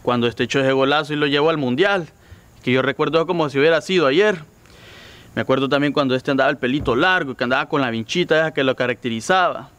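An actor playing an eager, loud football fan in a comedy sketch, speaking with a Honduran accent and calling people "loco" and "hermano". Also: male voice, medium pitch, fast, natural voice. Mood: nostalgic. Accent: Honduran Spanish.

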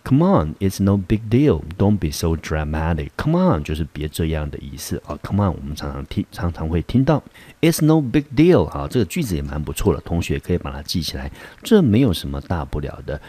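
Low-voiced teacher explaining patiently. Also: male voice, sing-song, warm tone, dry recording. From Taiwan. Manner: patient explaining, frequent filler particles, slows to read English examples. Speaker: English teacher. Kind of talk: recorded classroom vocabulary lesson.

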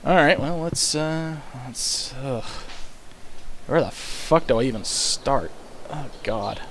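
A man's voice: mid-range voice, animated, slow pace, fairly bright tone, slight background noise. Young man rambling over a video game. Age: young adult. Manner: rambling, thinking aloud, swearing casually. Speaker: let's play host. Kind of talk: casual gameplay commentary. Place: small room at home, indoors. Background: video game music.

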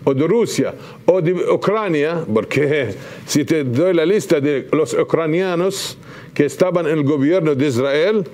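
A man, speaking as an ambassador guest in a TV studio, impassioned and halting with restarts. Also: on the high side, animated, darkish tone. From Palestine. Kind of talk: TV studio interview. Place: TV news studio.

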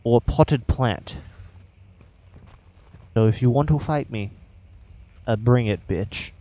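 A man's voice: medium pitch, takes it slowly, warm tone, muffled recording. A man with an accent commentating his own horror game play, swearing and joking as he talks to the game. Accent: non-standard, says he has an accent. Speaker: gameplay commentator.

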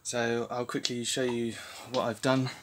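A man in his twenties with a medium-pitched voice talks a little slowly as he works on a car in his home garage, filmed on a handheld phone that picks up a bit of hiss or hum. As a car restoration vlogger, he narrates casually, rambling and relaxed, with frequent fillers and restarts.

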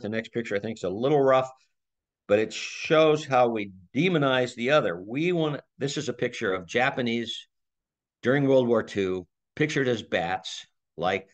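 Man giving a relaxed slide lecture. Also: medium pitch. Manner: conversational, thinks aloud with restarts and small laughs. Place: community talk room.

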